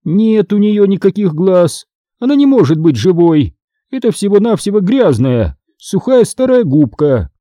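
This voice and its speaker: A man's voice: high-pitched, big pitch swings, measured pace, dark tone, dry recording, studio quality, pitched above the performer's own voice. Man doing a stern grey-haired teacher lady. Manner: strict, snapping. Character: stern older woman schoolteacher, grey-haired.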